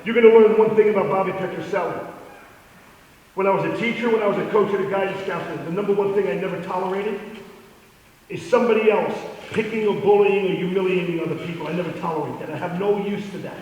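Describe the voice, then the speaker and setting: A man in his fifties telling an earnest story as a motivational speaker at a school assembly, his voice dropping quiet to make a point. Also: high-pitched, fast, a little hiss or hum. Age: 50s. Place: large school hall. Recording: echoey hall recorded from far off.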